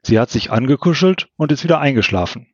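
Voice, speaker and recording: Ein Mann, der einen Teenager-Jungen liest, der sich rechtfertigt. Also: male voice, medium pitch, lively intonation, fast talker, slightly rough, no echo, highs cut off, voice pushed up. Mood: defensive. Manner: justifying himself. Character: defensive teenage boy.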